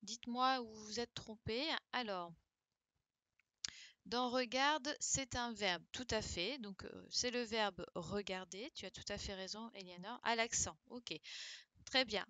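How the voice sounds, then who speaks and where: A woman teacher correcting a dictation live for her pupils, patient and encouraging, reading words out slowly. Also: a little high, pushed and bright, no room sound. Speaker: primary school teacher.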